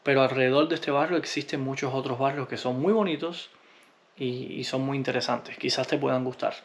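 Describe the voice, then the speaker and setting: A man from Cuba, answering viewer comments in a relaxed, unhurried vlog, often pausing with hesitations. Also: mid-range voice, a little hiss or hum. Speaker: vlogger.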